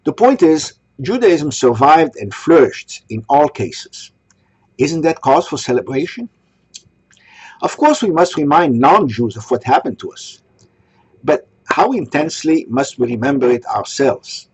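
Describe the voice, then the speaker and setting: A man from Egypt delivering a sermon, posing rhetorical questions in a measured way. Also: a little high, sing-song, husky. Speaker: synagogue speaker. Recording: dull lo-fi recording.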